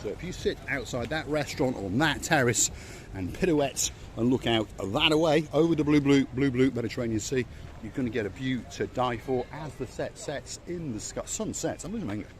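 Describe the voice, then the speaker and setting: A man's voice: medium pitch, lively intonation, brisk, slight background noise. An older man giving an enthusiastic walk-around commentary of a hotel, repeating his praise as he goes. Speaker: vlogger touring a hotel. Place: outdoors and indoors in a hotel, walking.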